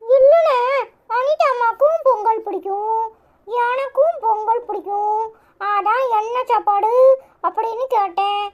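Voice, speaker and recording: A woman voices a cheeky, chattering cartoon child with a Kanyakumari Tamil accent. The voice sits extremely high. The recording sounds dull and lo-fi. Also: measured pace. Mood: chatty. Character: young child, food-loving and cheeky. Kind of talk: cartoon voice acting.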